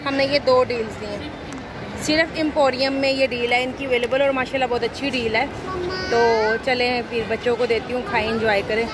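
A family vlogger with a Pakistani accent narrates to her viewers on a handheld phone while walking through a busy indoor shopping mall. Her voice sits on the high side, with a steady tone and moderate pace, as she gives appreciative, conversational running commentary. The recording is very noisy, full of loud crowd and mall ambience.

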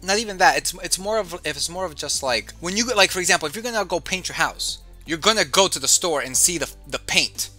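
A man with a high voice talks fast with few pauses, faint music behind him, while hosting an investing show. He and a guest have a casual market rundown chat, and he reads stock figures in a lively way and says "dude."

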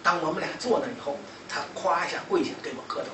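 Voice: medium pitch, expressive, quick pace. A lecturer with a Shandong Mandarin accent tells a story animatedly, acting out conversations and laughing often. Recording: echoey, distant, noisy room recording.

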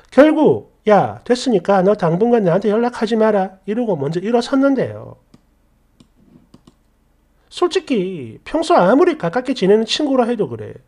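A woman's voice: on the high side, darkish tone. A woman narrating an online story in a chatty, indignant storytelling manner. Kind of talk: reading an online story aloud.

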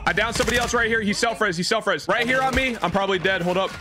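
A man commentating his own gameplay, excitable and trash-talking, swearing often. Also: high-pitched, quick pace, background noise. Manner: excitable, swears a lot, trash-talks opponents. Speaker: gaming creator. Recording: loud game gunfire behind voice.

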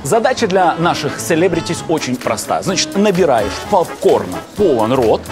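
A young man hosts a playful interview with a high, very lively voice. He teases his guests as he goes. Music plays behind him at the event. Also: moderate pace. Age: young adult. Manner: teasing, animated. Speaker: host, entertainment reporter. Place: cinema premiere lobby press corner. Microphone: handheld reporter mic and lapel. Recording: music and crowd chatter behind.

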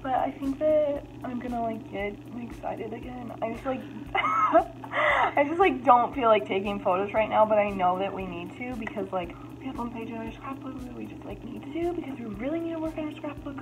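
A young woman with a high voice rattles on in casual vlog talk, sprinkling "like" everywhere. She sounds excitable. The phone recording carries clear background noise. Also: brisk, few pauses. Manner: chatty, says "like" a lot, excitable. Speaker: vlogger. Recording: noisy phone video.

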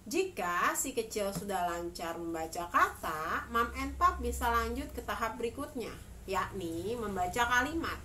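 A woman's voice: a little high, expressive, unhurried, bright, forceful tone, recorded from a distance. A woman in her thirties giving instructions to parents as a mother teaching reading, enunciating each phrase carefully. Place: small room at home, indoors. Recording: clear background noise, room ambience.

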